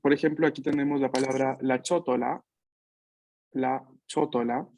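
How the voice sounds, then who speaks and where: A man's voice: mid-range voice, steady tone, normal speed, darkish tone. A man teaching an online language class over a video call at home, patient and checking in often with his students. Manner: drills students with repeat-after-me. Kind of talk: online Italian lesson for Spanish speakers.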